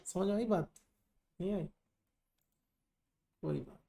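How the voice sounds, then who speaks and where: A man's voice: high-pitched, takes it slowly, gravelly, dark tone, a little hiss or hum. A middle-aged male teacher lecturing a class on ayurveda, teasing and scolding students while mixing in English terms.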